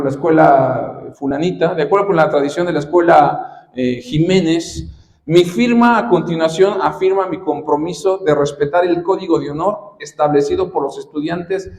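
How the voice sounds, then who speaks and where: Mexican pastor preaching in echoey hall. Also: male voice, on the high side, a little mellow. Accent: Mexican Spanish. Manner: conversational preaching, slows down to read scripture. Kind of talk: sermon. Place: church hall. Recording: echoey church hall, roomy reverb.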